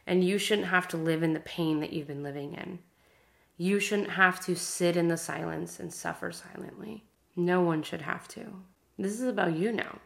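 A woman in her thirties, a podcast host, speaking directly to listeners in an earnest, encouraging personal monologue that sometimes drops to a soft whisper. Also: on the low side, moderate pace, vocal fry. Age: 30s.

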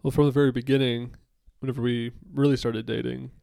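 A man's voice: medium pitch, level tone, fairly quick, creaky, warm tone, no room sound, studio quality. A man in his late twenties in a casual, thoughtful chat with his partner, rambling with many fillers and restarts. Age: late 20s.

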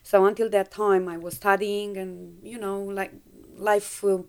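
A woman in her fifties from Romania with a Romanian accent, speaking English as a second language as a podcast guest, halting and searching for words, animated when retelling. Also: medium pitch, clear, resonant tone. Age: 50s. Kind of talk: conversational interview.

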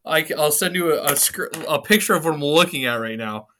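A man co-hosting a sports podcast in casual banter, excitable and teasing, with slightly slurred, numb-mouthed speech. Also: on the high side, fairly quick, a little hiss or hum.

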